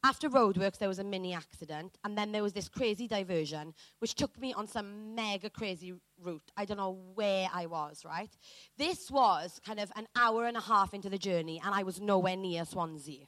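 Delivering a sermon at a moderate pace, a preacher from Wales shares a personal story with lively drama, voicing the people in it. She has a mid-range voice, recorded without echo.

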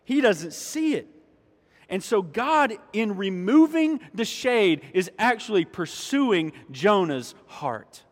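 A man with a high voice preaches from the pulpit, hammering his points by saying them twice and calling out straight to the congregation. His voice rings through a church with a long, trailing reverb. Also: sing-song, slow pace. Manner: emphatic preaching, repeats key lines for weight; addresses the congregation directly. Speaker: pastor. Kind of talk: sermon. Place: church sanctuary.

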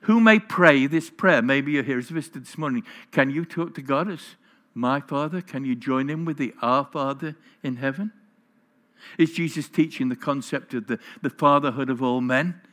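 A man's voice: mid-range voice, moderate pace, fairly bright tone. A man preaching a sermon in church, earnest and putting questions straight to the congregation. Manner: earnest, questioning the listeners directly. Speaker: pastor.

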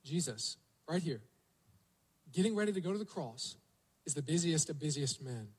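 A man's voice: a little high, animated, normal speed, darkish tone, husky, poor audio. A male pastor preaching a sermon, telling the story vividly and asking the congregation rhetorical questions.

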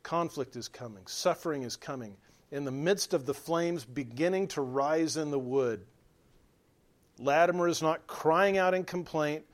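A man preaching from the pulpit with earnest conviction. His voice sits a little high for a man. He drops to hushed lines, then rises into emphatic, urgent exhortation. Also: a little slow. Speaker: pastor. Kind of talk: sermon.

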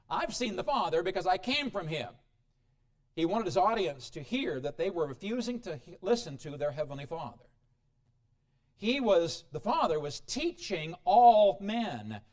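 A man preaching a sermon, reading scripture aloud and explaining it with dramatic swings in loudness and frequent chuckles. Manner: dramatic shifts in pitch and volume, chuckles often.

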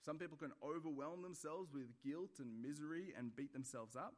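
A man's voice: on the high side, normal speed. A man preaching in church, with a conversational sermon manner and acted everyday examples.

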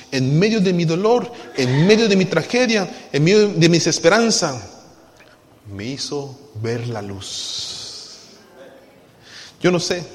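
A young adult man preaching a sermon as pastor, moving between loud pleading and soft, confiding asides. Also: on the high side, a little hiss or hum. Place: church sanctuary. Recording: reverberant church hall with soft music.

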